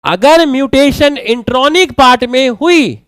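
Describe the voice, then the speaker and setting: A man teaching biology, slowly dictating and repeating phrases for students to write down, mixing terms into his talk. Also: extremely high pitch, lively intonation, fairly bright tone, clean tone, no room sound. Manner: repeats phrases slowly for note-taking, mixes English terms. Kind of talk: lecture, dictating notes.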